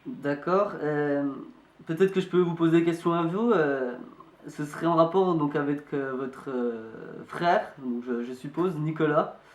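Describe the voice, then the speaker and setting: A man with a slightly high, slightly mellow voice plays an amateur investigator presenting a video, making a hesitant phone inquiry. His lightly acted delivery is polite, halting and hesitant but insistent, and the room has a noticeable echo.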